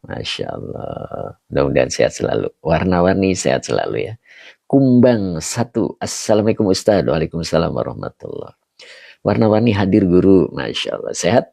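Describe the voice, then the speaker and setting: Deep gravelly male teacher. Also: darkish tone, dry recording. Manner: slow, explanatory, reads out chat greetings. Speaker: Islamic teacher. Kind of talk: online religious study session. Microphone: video call.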